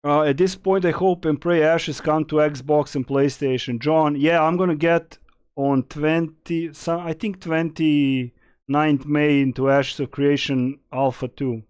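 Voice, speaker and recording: Slow, smooth-voiced man. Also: a little high, steady tone, a little mellow, no room sound. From Serbia. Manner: rambling, many fillers and restarts, reading chat aloud. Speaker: game streamer. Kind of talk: casual live-stream Q&A.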